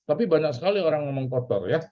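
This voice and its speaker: A man's voice: on the high side, expressive, fast talker. A man with an Indonesian accent teaching a church Bible class in a casual, chatty way, asking questions and repeating key words. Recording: dull lo-fi recording.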